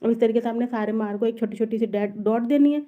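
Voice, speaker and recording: A woman walks through cutting a dress in a quick tutorial. Her voice is mellow and soft-edged, her pace brisk. She repeats each step patiently. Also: fairly high pitch, dull audio. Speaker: tailoring teacher.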